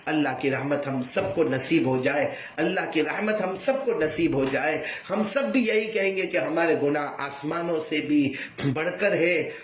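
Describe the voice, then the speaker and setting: A male preacher telling a story in an emotional sermon, fervent and repetitive, raising his voice at times, in an echoey hall. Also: a little high. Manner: fervent, repetitive, raises voice to a shout.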